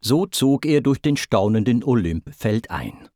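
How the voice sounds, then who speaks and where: A man narrating epic verse in a measured, theatrical recitation with swelling emphasis. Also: mid-range voice, lively intonation, mellow, no room sound, studio quality. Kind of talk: dramatic reading of German epic verse.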